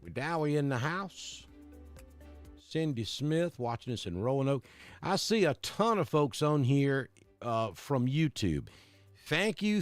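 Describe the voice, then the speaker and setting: A man's voice: mid-range voice, no echo. A middle-aged weatherman talks in a loose, friendly way on a live stream, calling out viewers by name. His voice rises and falls a great deal. The sound is dry and close, with faint music underneath. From Alabama. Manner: chatty, greets viewers by name. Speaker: weather broadcaster.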